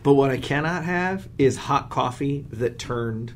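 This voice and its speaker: A man's voice: mid-range voice, unhurried, slight background noise. A man co-hosting a podcast in casual chat, joking and laughing often. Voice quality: laughs often, jokey and animated. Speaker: podcast co-host.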